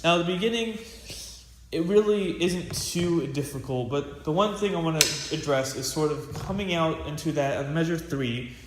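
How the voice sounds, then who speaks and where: A man's voice: on the high side, normal speed. A teenage boy giving a casual snare drum practice lesson, rambling with lots of fillers and restarts. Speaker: student percussionist. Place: practice room with a drum pad. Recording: echoey room with loud hiss.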